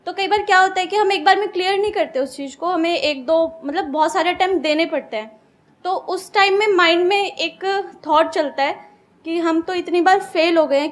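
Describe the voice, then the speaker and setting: Very high-voiced woman asking a question. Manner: polite, thorough, mixes English into Hindi. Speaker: audience member asking a question.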